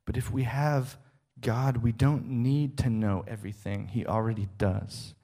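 A man's voice: mid-range voice, fairly even intonation, a little slow, dark tone. A middle-aged man preaching a sermon, emphatic and rhetorical, often checking in with the listener.

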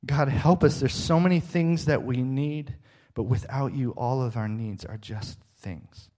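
A middle-aged man preaching a sermon with an emphatic, rising delivery. He poses question after question and checks in with his listeners. His pitch sits in an ordinary male range. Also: measured pace, dark tone.

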